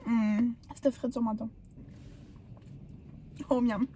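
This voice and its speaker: A young woman with a Quebec French accent, hoarse from a sore throat, chatting and rambling in a casual vlog with lots of fillers. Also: on the high side, little pitch movement, slow, warm tone, a little hiss or hum. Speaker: vlogger.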